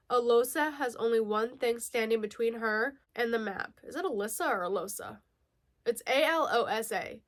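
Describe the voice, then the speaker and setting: Slightly high and a bit bright, the voice belongs to a woman casually vlogging about books. She reads blurbs during her chatty haul, giggling and fixing her own words, with a faint nasal quality from a mild cold that lingers.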